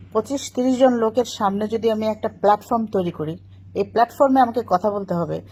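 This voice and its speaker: A woman's voice: fairly high pitch, a little mellow. Middle-aged woman lecturing on correct pronunciation. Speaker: vlogger answering critics. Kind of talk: talking to camera.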